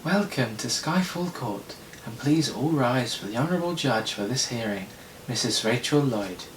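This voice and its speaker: Man putting on a formal court clerk lady, raised pitch, slow, echoey room. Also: expressive, slight background noise, lightly acted.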